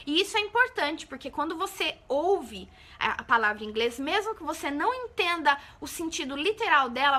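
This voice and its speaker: Brazilian woman, live-stream host, high and crisp-bright, chatty and informal, checks in with viewers constantly. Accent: Brazilian Portuguese. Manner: chatty, greets viewers by name, keeps asking "entendeu?". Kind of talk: casual live-stream chat.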